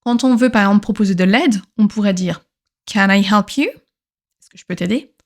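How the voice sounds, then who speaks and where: A woman's voice: medium pitch, normal speed. A woman from France giving a patient grammar lesson, repeating each example twice and then translating it. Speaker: English teacher.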